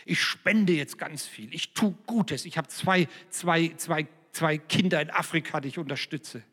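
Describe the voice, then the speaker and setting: A man preaching a sermon, swinging between loud emphatic passages and quiet, dropped-voice asides. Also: on the high side, unhurried, slightly rough. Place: church hall. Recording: reverberant church hall.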